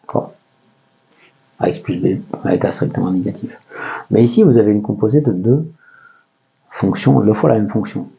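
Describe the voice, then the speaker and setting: Man, French accent, math teacher, low voice, casual lesson, many fillers, slightly muffled recording. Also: lively intonation, moderate pace, creaky, long pauses, dark tone. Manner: casual, thinks aloud with many fillers and checks on listeners.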